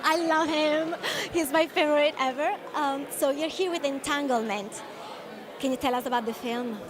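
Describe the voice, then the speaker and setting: A woman's voice: high-pitched, steady tone, moderate pace. A woman working as a red carpet host, interviewing a guest at a film festival. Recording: crowd chatter behind, outdoor event. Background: crowd chatter.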